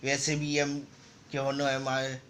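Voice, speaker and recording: A man's voice: medium pitch, monotone, normal speed, noisy background. A man casually narrating a story over a game, in loose, rambling and repetitive phrases. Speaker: gaming channel narrator.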